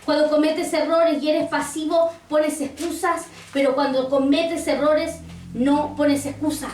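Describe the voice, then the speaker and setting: High-voiced woman preaching in a roomy church. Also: fairly even intonation, measured pace, darkish tone. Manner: preaching, quoting scripture, asking the congregation. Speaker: pastor. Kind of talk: sermon. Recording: roomy church sound from a distance.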